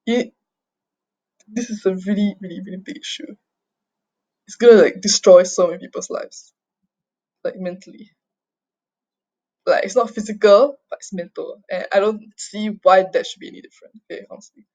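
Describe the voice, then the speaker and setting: The speaker is a young adult Singaporean woman, raised largely outside Singapore, vlogging a personal confession without a script. Agitated and distressed, she speaks haltingly and repetitively, curses, and often tacks "okay?" onto phrases. A mid-range, darkish voice with fairly even intonation comes through a dull lo-fi home recording.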